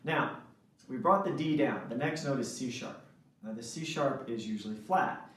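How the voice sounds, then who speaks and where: A man's voice: mid-range voice, normal speed, a bit bright. Echoey saxophone teacher man explaining. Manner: explanatory, frequent "right?" checks. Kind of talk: instructional lesson. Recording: echoey room, mic at a distance.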